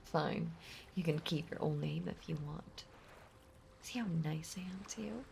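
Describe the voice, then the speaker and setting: This intimate ASMR roleplay features a voice actress as a possessive, clingy yandere mermaid, a sweetly obsessive young woman, whose soft, breathy words linger. She comes across as indignant, heavily acted, with a low, creaky voice at a measured pace. Behind her are ocean sound effects, water ambience and faint background noise.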